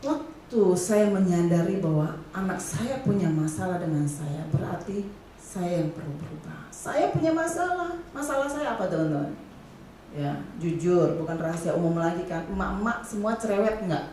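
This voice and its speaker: A middle-aged woman preaching a youth sermon, lively, firing questions at the crowd and playing a nagging mother. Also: on the low side, normal speed, distant mic, slight background noise. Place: church hall. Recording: echoey hall, heard from afar.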